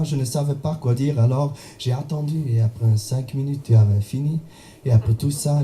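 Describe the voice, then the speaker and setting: A man's voice: medium pitch, dark tone. A man from German-speaking Switzerland with a Swiss German accent, telling a humorous slam poem in French, his second language. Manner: humorous storytelling, playful sung asides. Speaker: slam poet. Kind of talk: slam poetry performance.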